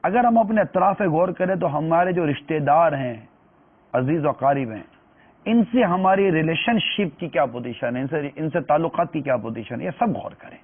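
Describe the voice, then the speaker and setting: Male preacher, slightly high voice, earnest pleading delivery, tinny phone-line sound. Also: expressive, husky. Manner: earnest, pleading, repeats phrases. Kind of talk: religious talk.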